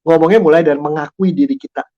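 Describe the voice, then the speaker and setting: An older man speaking as a guest in a casual talk show, lively and laughing often as he acts out conversations. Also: on the high side, quick pace, dull audio. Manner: animated, acts out quoted dialogue, laughs often. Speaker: guest speaker, lecturer and author.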